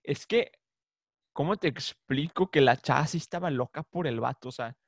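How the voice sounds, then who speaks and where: A man co-hosting a casual podcast chat, playful and quick to laugh. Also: a little high, no room sound, studio quality. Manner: playful, laughs often, imitates cartoon voices. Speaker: podcast co-host.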